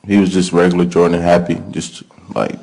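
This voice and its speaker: A man's voice: deep voice, level tone, brisk, mellow. A young man testifying as a witness in a courtroom recording, giving terse, polite answers.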